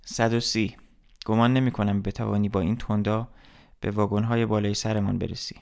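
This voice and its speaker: A man voicing a fat young male student who speaks flatly and calmly about doom, in a storybook reading. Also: lowish voice, gravelly. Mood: dry.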